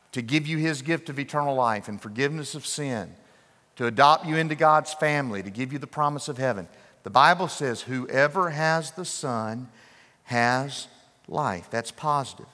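A man preaching a sermon as pastor, emphatic and slowing down on scripture quotes, in a church sanctuary. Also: fairly high pitch, sharp tone. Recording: long church hall reverb.

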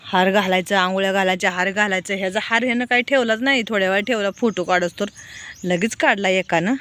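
A woman's voice: medium pitch, fast talker, fairly bright tone, no room sound. A woman, vlogging at home as she coaxes her toddlers in a sing-song voice. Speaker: vlogger and mother. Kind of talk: casual home vlog talking to small children.

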